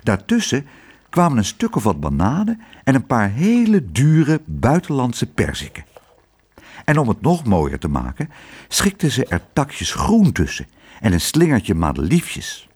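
Slow, expressive male storybook reader. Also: mid-range voice, slightly rough. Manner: expressive, unhurried. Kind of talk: storybook reading.

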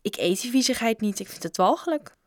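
A woman's voice: fairly high pitch, lively intonation, a little fast, no echo, clean studio sound, close to an everyday voice. A woman voicing a kindly old female school dinner lady in a storybook reading, sweet and motherly.

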